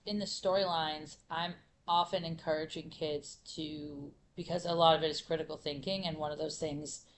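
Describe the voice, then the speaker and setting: A woman middle school teacher speaking on a conference panel, animated and full of fillers and restarts. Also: deep voice, normal speed, background noise.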